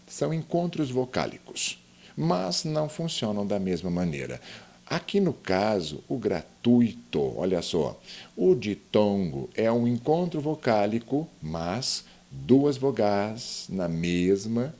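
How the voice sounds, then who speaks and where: A man gives a grammar lesson, his pitch rising and falling a lot as he explains each point. He walks through it step by step and keeps asking his viewers questions. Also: creaky, mellow, breathy edge. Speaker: grammar teacher.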